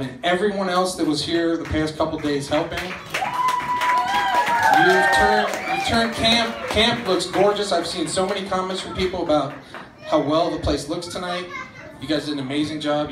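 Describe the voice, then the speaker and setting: Male best man, joking wedding toast, slightly high voice, halting and informal, picked up from far off. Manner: halting, informal delivery with repeated phrases. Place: evening wedding reception under string lights. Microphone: handheld microphone through PA, recorded by distant camera. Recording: distant, echoey event recording, loud crowd noise.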